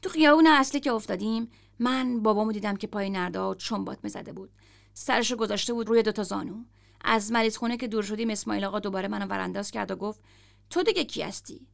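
A woman narrating a story aloud in the first person, steady and even. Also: mid-range voice, vocal fry. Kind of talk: audiobook narration.

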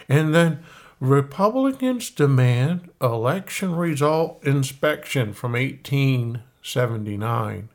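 A man hosting a podcast, reading news headlines and adding wry, self-mocking asides. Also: medium pitch. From Maine. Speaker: podcast host. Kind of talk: reading headlines with offhand commentary.

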